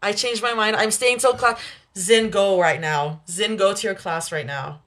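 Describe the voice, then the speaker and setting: A young woman hosting a livestream, chatting casually with viewers, laughing often between quick asides. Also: medium pitch, fairly bright tone. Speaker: livestream host reading chat. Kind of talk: casual live chat with viewers.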